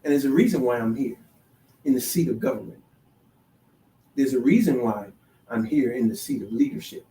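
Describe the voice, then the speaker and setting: A man hosting a solo talk show, halting with many restarts, then building to emphatic, sermon-like declarations. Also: mid-range voice, animated, dark tone, slight background noise. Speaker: podcast host. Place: DC, Maryland, Virginia area. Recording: echoey room, voice far from the mic.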